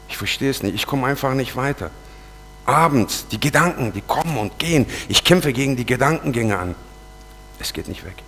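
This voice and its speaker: A man giving an earnest, emotional spoken testimony, not a native German speaker, confessing quietly and then pleading loudly, and reading verses slowly. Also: mid-range voice. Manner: earnest, confessional, swings between loud pleading and quiet muttering; slow, deliberate when reading scripture verses. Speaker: preacher giving a personal testimony. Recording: long hall reverb with faint hum.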